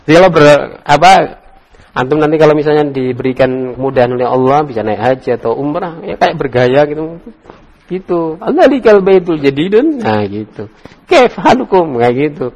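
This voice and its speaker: A man teaching Arabic grammar in a casual classroom lesson, relaxed and joking as he coaxes students by name. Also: medium pitch, fairly quick, lo-fi sound. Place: study circle classroom.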